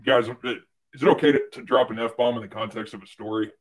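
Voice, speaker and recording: A young man, a guest on a livestream, telling a work story casually with lots of "like" and restarts, getting loud when he quotes someone. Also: medium pitch, brisk. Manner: animated storyteller, fillers and restarts, loud when quoting others. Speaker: guest, former medical device rep.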